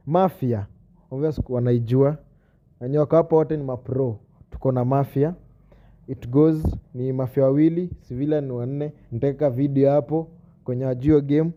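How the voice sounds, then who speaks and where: A man's voice: mid-range voice, highs cut off. A man with a Kenyan accent casually hosting a party game, calling out instructions to the group. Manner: calls out instructions to players. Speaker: host and moderator of a party card game.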